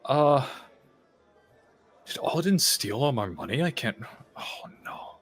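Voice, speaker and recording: A man's voice: medium pitch, very animated, a little slow, faint music behind. A man playing a tabletop role-playing game in casual, half in-character table talk.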